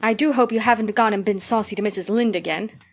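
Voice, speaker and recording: A woman's voice: mid-range voice, quick pace, lightly acted. A woman doing a stern scolding guardian. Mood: dismayed. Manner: doubtful, scolding.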